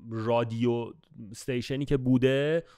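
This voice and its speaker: A young man in his casual co-host role speaks at a mid pitch. He argues his side easily and keeps explaining his points with examples. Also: fairly even intonation, warm tone, smooth. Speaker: podcast co-host. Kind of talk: casual banter.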